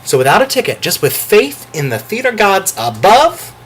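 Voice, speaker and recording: A man vlogging in a gushing, emotional rush, his pitch swinging widely as he talks. He keeps leaping up into a high voice mid-sentence. He sounds close to tears. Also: moderate pace, slightly rough. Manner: animated, with sudden jumps into a high voice. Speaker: vlogger reviewing a show. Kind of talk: excited casual vlog talk.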